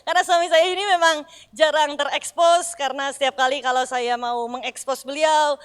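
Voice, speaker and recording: A middle-aged woman pastor from Bandung, West Java, preaches in Sundanese-accented Indonesian in a large church hall, her voice sitting high at a normal speed. Her sermon is full of animated storytelling, acted-out dialogue, and addresses to the congregation as "saudara."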